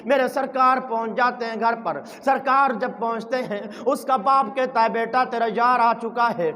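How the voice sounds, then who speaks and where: High-pitched impassioned male preacher, hall reverb. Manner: impassioned, rising to shouts and chanted lines. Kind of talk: sermon.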